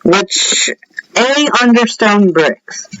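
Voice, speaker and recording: A man's voice: high voice, animated, very slow, pushed and bright. A man giving casual gameplay commentary on his own game mod, rambling with offhand asides and talking straight to his viewers. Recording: dull lo-fi recording.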